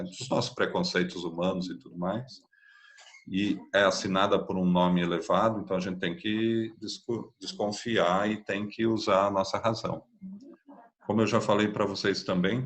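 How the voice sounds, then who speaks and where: A man's voice: fairly low pitch, a bit bright. A man with a Brazilian Portuguese accent teaching an online spiritist course, explaining patiently and often checking in with tag questions. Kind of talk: online class lecture.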